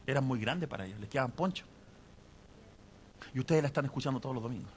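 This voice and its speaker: A man's voice: mid-range voice, fast talker, a little mellow, slight background noise. A man preaching a sermon as pastor, conversational and asking the congregation questions.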